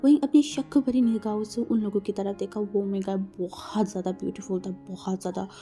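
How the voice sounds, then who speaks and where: A woman's voice: mid-range voice, steady tone, brisk, dark tone. A woman reading a fan-fiction story aloud in a chatty, casual way, mixing in English words. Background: faint music.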